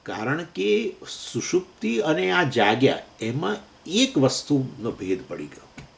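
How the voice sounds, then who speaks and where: Gravelly-voiced man teaching scripture. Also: mid-range voice, sing-song. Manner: explains verses with everyday examples, asks and answers his own questions; chants Sanskrit verses slowly. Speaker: Vedanta teacher. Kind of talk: scripture lecture.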